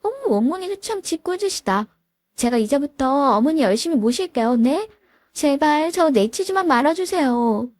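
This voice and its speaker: A woman voicing a spoiled young daughter-in-law with a sharp, whining voice. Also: high-pitched, animated, moderate pace, no echo, voice pushed up. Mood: pleading.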